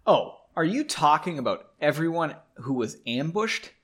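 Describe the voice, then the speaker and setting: A man's voice: a little high, big pitch swings, unhurried, fairly bright tone, breathy edge, heavily acted. A man reading aloud the lines of a defiant young man with a childish temper, delivered sarcastically and snappishly. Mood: sulky.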